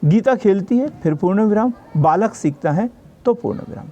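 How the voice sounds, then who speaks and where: A man's voice: sits high, expressive, normal speed, warm tone, lo-fi sound. A man teaching a grammar lesson for exam preparation. He explains patiently, repeats each definition and checks in with his students.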